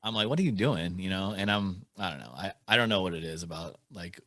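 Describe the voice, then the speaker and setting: A man hosts a podcast, talking quickly in a low voice. His delivery is chatty and loose, full of "like". The sound is close and dry. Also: animated, pushed and bright, no room sound. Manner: quick and chatty, uses "like" a lot. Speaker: podcast host. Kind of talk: casual conversational interview.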